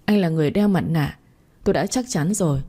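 A woman's voice: sits low, fairly quick, dark tone, slightly rough. A woman reading as an earnest grieving young woman.

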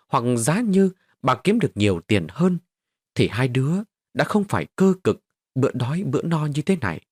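A male storyteller narrating a scripted village tale with dramatic expression. His pitch moves a great deal from line to line, and the recording is close and dry, with no room sound. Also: husky, dry recording.

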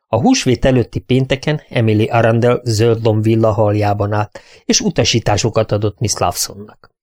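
A man narrating an audiobook in a steady, measured reading voice. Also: on the low side. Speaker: audiobook reader.

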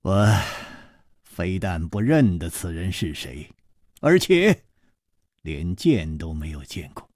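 A man's voice: sits low, very animated, takes it slowly, long pauses, a little mellow, no room sound, studio quality, pitched below the performer's own voice, heavily acted. A man voicing a gracious, modest male swordsman hero who laughs easily as he talks, in a storytelling performance. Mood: easygoing. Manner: easy laughing asides.

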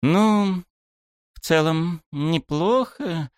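A man voicing a brisk, businesslike young woman who leads a club, in an audiobook. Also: on the high side, smooth, no room sound, clean studio sound, voice pushed up, natural voice. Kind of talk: audiobook character voice.

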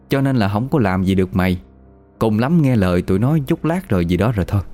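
Mellow man telling a story. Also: on the low side. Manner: chatty, conversational storytelling. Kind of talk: casual spoken ghost story.

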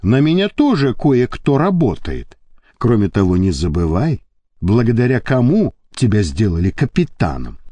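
A composed, powerful crime boss, voiced by a male narrator in an audiobook. He talks in a measured, persuasive way, with a mellow, lively voice in a dry, close recording. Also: on the low side, no echo.

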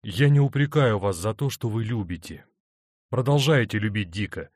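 A man's voice: mid-range voice, expressive, normal speed, a little mellow, dry recording, clean studio sound, close to an everyday voice. A man doing an impatient lovesick young man. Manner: insistent, impatient.

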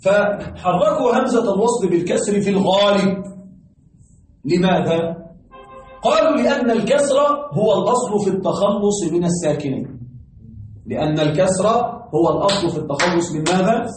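A man's voice: high-pitched, moderate pace, a little mellow. A man teaching an Arabic grammar class, quizzing and teasing his students as he explains. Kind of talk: classroom lesson with questions to students. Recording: echoey classroom, far from mic, faint noise.

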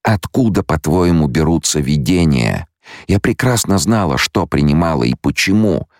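An anguished young noblewoman seer, imperious and bitter, as a man voices her. Her voice sits clearly above the reader's own low register and keeps a gravelly edge, sharp and breathless. The audiobook recording is close and dry. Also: expressive, normal speed, no echo. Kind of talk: audiobook character voice.

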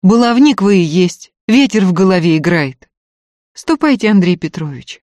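A proud young woman of peasant stock, tearful but stubborn, with simple country turns of phrase, as a reader puts her on. Her lines sit higher and livelier than the narration, read into a dry, close microphone. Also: animated, normal speed, darkish tone, no echo, close to an everyday voice. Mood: teasing, weary. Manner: folksy, plain-spoken, pleading then scolding. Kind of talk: audiobook character voice.

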